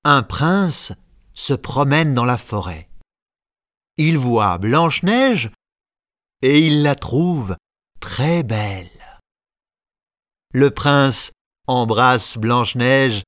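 A man narrating a fairy tale slowly, with careful, expressive reading. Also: mid-range voice, no echo, studio quality. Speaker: storyteller. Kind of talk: slow storybook narration.

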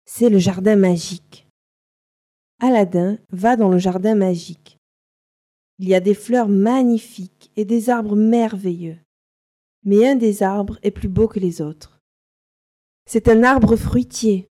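Mellow woman reading a storybook slowly. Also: medium pitch. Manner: slow, simple, carefully articulated. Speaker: narrator. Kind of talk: slow storybook narration for learners.

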